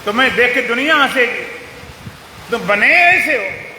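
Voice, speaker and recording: A preacher voicing jeering court scholars. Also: male voice, very high voice, expressive, a little slow, sharp tone, echoey room, big-room sound, a little hiss or hum, heavily acted, poor audio. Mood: mocking. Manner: mocking, taunting.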